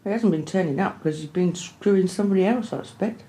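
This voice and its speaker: A woman's voice: fairly low pitch, quick pace, warm tone. A woman in a candid documentary interview, bluntly retelling a breakup, swearing and acting out what was said. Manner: blunt, swearing, acts out quoted exchanges. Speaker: documentary subject.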